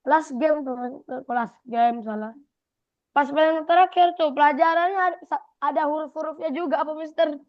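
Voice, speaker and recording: High-pitched student on a dull call. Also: female voice, normal speed.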